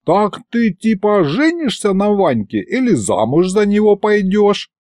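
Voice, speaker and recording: A man voicing a cheeky, brash young henchman who giggles and shouts. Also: on the high side, big pitch swings, takes it slowly, no echo, studio quality, pitched above the performer's own voice, exaggerated voice.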